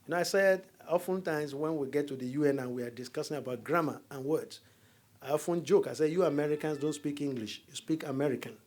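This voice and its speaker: With a little hiss or hum in the recording, a middle-aged Nigerian man talks fast in a fairly high voice. Lecturing at a university as a diplomat, he speaks with a Nigerian accent and is animated, telling stories and joking with the audience.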